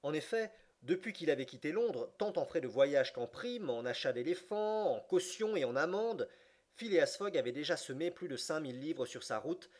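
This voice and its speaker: A man's voice: on the high side, animated, normal speed. Man reading a novel aloud. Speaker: audiobook narrator. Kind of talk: scripted narration.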